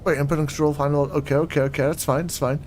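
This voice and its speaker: A man's voice: on the high side, little pitch movement, racing, a little mellow, slight background noise. A young man streaming a game, chatting in a rambling way and often getting puzzled, recorded on a desk microphone at home. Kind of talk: casual live-stream chat while playing.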